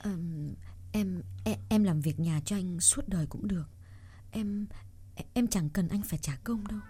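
A woman voicing a shy young village woman in love, speaking softly and hesitantly with stammers in an audiobook drama reading. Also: a little high, lively intonation, moderate pace, close to an everyday voice. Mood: tender.

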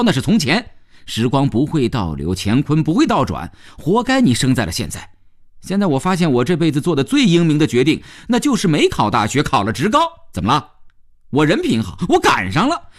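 A man's voice: fairly high pitch, pitched above the performer's own voice. A man playing a proud, blunt young worker who answers back with sarcasm. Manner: sarcastic, combative.

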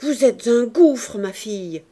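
A woman voicing a stout, imperious bourgeois mother who scolds and accuses her maid in loud, raised outbursts, in an audiobook reading of a novel. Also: on the high side, lively intonation, brisk. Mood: furious.

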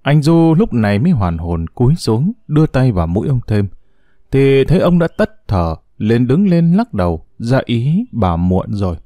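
Man with a dark, lively storytelling voice. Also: medium pitch, moderate pace, dry recording, studio quality. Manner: expressive, dramatic reading. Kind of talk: dramatic story narration.

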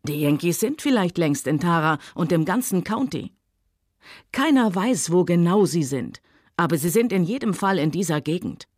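A woman reading a novel aloud, voicing a worldly, sardonic Southern gentleman who speaks coolly and mockingly. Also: lowish voice, animated, normal speed, no room sound, clean studio sound. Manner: sardonic, cool, later soft and soothing.

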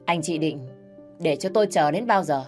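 A woman's voice: sits low, lively intonation, moderate pace, a little mellow, soft background music. A woman voicing a nagging, bitter middle-aged mother-in-law who scolds and accuses. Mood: scolding.

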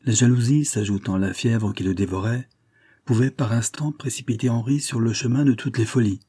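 An audiobook reader with a warm, slightly breathy male voice reads a classic novel aloud. When characters speak, he raises his pitch and adds force to voice their dialogue.

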